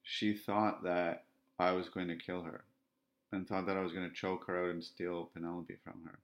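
Speaking alone on his podcast, this Ontario man keeps a flat delivery he describes himself as monotone, repeating phrases in a measured way. His voice sits low, and the audio sounds dull.

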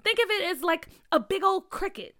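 A high, playful schoolboy voice, cocky and teasing, full of slangy dares, as a woman storyteller puts him on. It bounces up and down brightly. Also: animated, normal speed, exaggerated voice.

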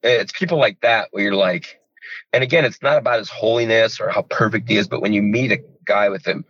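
A man's voice: lowish voice, a little fast, fairly bright tone, no room sound, lo-fi sound. A man in his forties from rural Georgia, a pastor, talking casually and enthusiastically, rambling with lots of "you know" and "man". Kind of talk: casual conversation.

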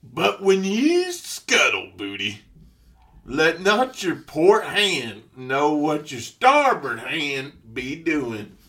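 A man doing a growling pirate voice for a slow, drawn-out reading of scripture on a casual podcast. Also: fairly high pitch, wildly swooping pitch, a bit bright, exaggerated voice. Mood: playful. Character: gruff adult male pirate reading scripture.

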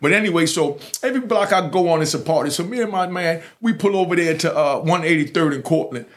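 A man's voice: a little high, quick pace. A man telling a long street story in casual chat, rambling with many fillers and restarts. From New York. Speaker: storyteller host.

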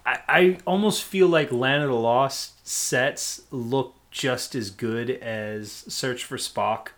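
A man's voice: medium pitch, takes it slowly, a bit bright. Rambling, laughing man chatting about movies. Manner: rambling, laughing, frequent fillers. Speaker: podcast co-host. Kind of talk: casual chat about movies.

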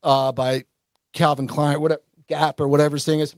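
A man's voice: on the high side, flat delivery, fairly quick, dry recording, studio quality. A man co-hosting a podcast in casual chat, rambling with many fillers and restarts. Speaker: podcast co-host.

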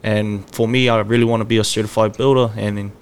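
A man's voice: lowish voice, flat delivery, fast, a little hiss or hum. A man in his twenties from Samoa, a podcast guest chatting in a laid-back, easygoing way. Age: 20s. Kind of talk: casual chat.

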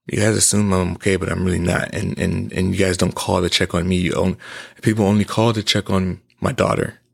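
Gravelly, husky man in his twenties. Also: sits low, flat delivery, brisk. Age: 20s. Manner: preachy, emphatic, repetitive. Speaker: podcast host. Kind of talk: impassioned personal monologue.

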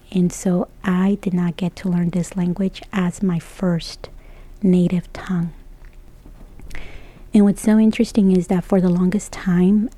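Podcast host: woman, slow, breathy near-whisper, mellow low tone. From El Salvador. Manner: soft, often breathy half-whispered delivery; earnest and thankful. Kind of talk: solo podcast monologue.

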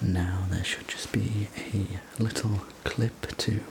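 A man telling a sleep story as an ASMR role-play, gentle, soothing and unhurried, speaking as a server looking after a guest. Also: on the low side, steady tone, creaky, noisy background. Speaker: sleep story narrator playing a night-shift diner server.

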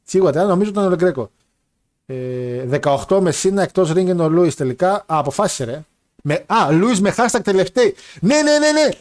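Animated high-voiced man in wrestling banter. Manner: animated, laughing, joking banter. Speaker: podcast co-host. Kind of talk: casual wrestling chat reading viewer messages.

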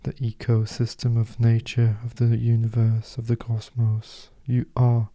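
Very mellow, soft-voiced man guiding meditation. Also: medium pitch, completely flat delivery. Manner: soft, slow, soothing delivery. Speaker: meditation podcast host and guide. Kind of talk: guided meditation narration.

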